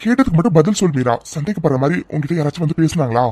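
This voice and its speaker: A protective older brother in a cartoon, played by a voice actor, firm and quick, pressing for answers. His voice sits at a middle pitch. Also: animated, warm tone, no echo, lightly acted. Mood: concerned. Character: protective older brother, stern young man.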